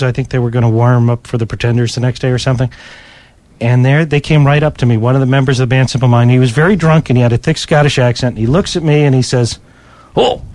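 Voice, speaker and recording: Male radio DJ, casual on-air storyteller, average pitch, dead-dry studio mic. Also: darkish tone, no room sound. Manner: rambling anecdotal storytelling with chuckles. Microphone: studio microphone.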